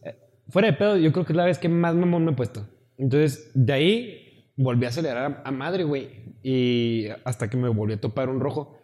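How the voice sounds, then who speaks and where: A man with a Mexican Spanish accent telling a profane, animated story to friends on a podcast, acting out what others said. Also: medium pitch, a little fast, in a large hall. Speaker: podcast co-host. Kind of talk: casual storytelling among friends.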